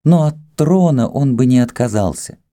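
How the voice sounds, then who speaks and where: A man's voice: mid-range voice, lively intonation, normal speed, mellow, voice pushed up, lightly acted. A man voicing a coy, scheming young priestess with a lilting, haughty manner in an audiobook. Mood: teasing.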